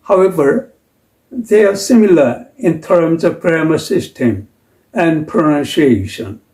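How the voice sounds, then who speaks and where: A man narrating a language lesson in a slow, deliberate way, pausing between phrases. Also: on the high side, mellow, roomy sound, poor audio.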